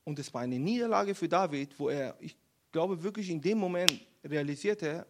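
Brief: male preacher, high voice, animated and emphatic, retelling scripture to a congregation. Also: normal speed. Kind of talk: sermon, Bible teaching.

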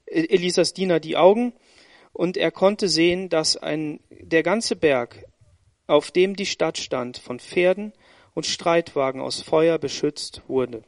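A man reading a scripture passage aloud in a steady storytelling manner. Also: on the high side, measured pace, no room sound, studio quality. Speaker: scripture reader.

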